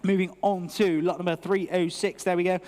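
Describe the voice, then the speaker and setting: High-pitched British male auctioneer, booming hall. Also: flat delivery, a little fast, darkish tone. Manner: repetitive rhythmic chanting of figures. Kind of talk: live auction bid calling.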